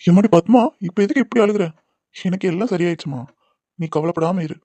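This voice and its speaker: A man's voice: sits high, quick pace, mellow, dry recording. A man voicing a middle-aged father and a doctor in a cartoon drama, speaking in a reassuring way. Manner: reassuring, mixes English words. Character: middle-aged father, calm, then worried over lost money.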